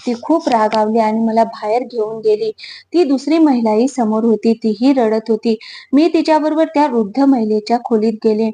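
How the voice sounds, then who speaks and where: A woman's voice: on the high side, moderate pace, warm tone. Earnest woman narrating a sad story. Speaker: storyteller, channel host. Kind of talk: scripted first-person narration of an emotional story.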